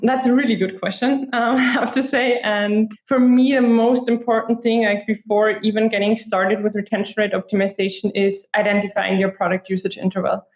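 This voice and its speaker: A woman's voice: mid-range voice, little pitch movement, moderate pace, few pauses. A woman in her twenties from Austria, a guest in a casual interview, chatty and full of "like" fillers. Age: 20s. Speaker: guest, product marketer. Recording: echoey room, dull lo-fi sound.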